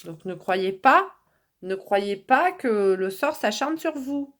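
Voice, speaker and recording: A woman's voice: medium pitch, lively intonation, slow. A woman from France giving casual, reassuring tarot guidance to viewers, with lots of fillers and restarts. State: losing her voice. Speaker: tarot card reader. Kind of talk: casual card-reading guidance.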